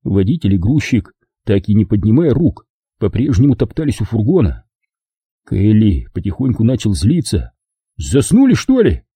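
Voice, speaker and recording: A man reading an audiobook aloud with lively storytelling narration. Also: lowish voice, normal speed, slightly rough, no room sound. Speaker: audiobook reader. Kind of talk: scripted narration.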